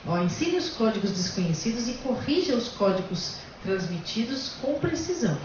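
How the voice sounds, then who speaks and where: A woman's voice: on the high side, darkish tone, a little hiss or hum. Blunt emphatic woman in echoey room. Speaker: host. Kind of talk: casual discussion. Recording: echoey, distant, dull lo-fi room.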